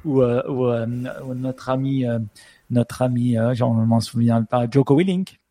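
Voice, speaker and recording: A man with a Swiss French accent chatting casually on a podcast, full of fillers and quick to laugh. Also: medium pitch, steady tone, warm tone, dry recording, studio quality. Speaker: podcast co-host.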